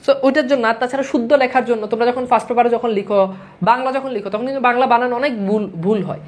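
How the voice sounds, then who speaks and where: A woman teaching grammar, rattling through corrections at speed. Her voice sits fairly high, and she repeats each wrong and right form like a classroom drill. English words slip into her lecture now and then. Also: steady tone. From Bangladesh. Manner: brisk and repetitive, drilling wrong and right forms; mixes English words into speech. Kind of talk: classroom-style lecture to exam students.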